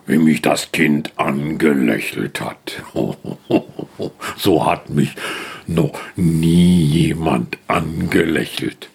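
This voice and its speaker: A man's voice: very deep voice, drawn-out words, creaky, a little mellow, husky, heavily acted. A man voicing a grumpy, cramped male ox who grumbles and stammers, in a storybook. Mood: softened.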